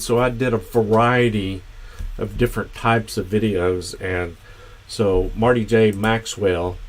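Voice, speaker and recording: A man hosting his own channel's livestream, talking in a casual, meandering, unscripted way. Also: lowish voice. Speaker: channel host.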